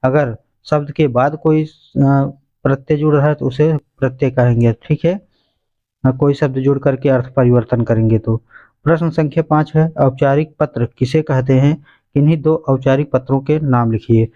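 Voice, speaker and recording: A man's voice: medium pitch, steady tone, normal speed, warm tone, muffled recording. A male teacher going through exam questions and answers point by point, calling his listeners friends. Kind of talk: exam revision lesson.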